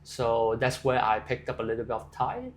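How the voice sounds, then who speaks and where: A young adult man from Hong Kong answers interview questions as a guest, casual and thoughtful, with lots of fillers and restarts. His medium-pitched voice is very animated and moves at a normal speed.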